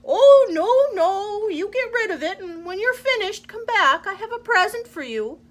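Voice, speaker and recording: A woman voicing a big, bossy crocodile in a children's storybook, with loud, dramatic delivery. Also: animated, normal speed. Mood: relieved, delighted. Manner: booming shouts and wailing groans. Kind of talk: children's storybook read-aloud.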